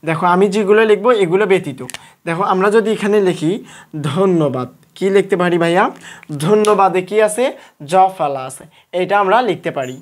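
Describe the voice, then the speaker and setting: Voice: mid-range voice, brisk. A teacher leads an online exam-prep lesson in a mid-range voice. The delivery is patient and repetitive, going over each point again and quizzing the students with frequent questions.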